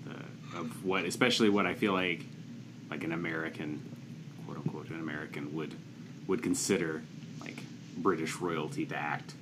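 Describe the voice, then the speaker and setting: A man's voice: rumbling low, fairly even intonation, moderate pace, noisy background. A young man co-hosting a podcast, talking casually and hesitantly with many restarts. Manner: hesitant, stumbling restarts, apologetic. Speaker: podcast co-host. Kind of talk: casual chat about a movie.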